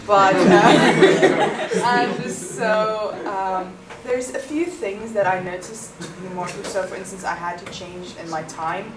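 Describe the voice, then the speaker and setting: In a mid-range voice, a young South African woman whose native language is Afrikaans answers interview questions slowly, with few pauses, thoughtfully and with many ums. A loud crowd can be heard, and the recording is noisy, made in an echoey room far from the microphone.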